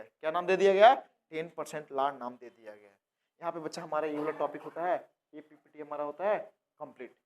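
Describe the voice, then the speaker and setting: A man from India teaches a biology lesson in a high voice. He keeps putting questions to the class and then answers them himself. He repeats the key terms again and again. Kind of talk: classroom lecture.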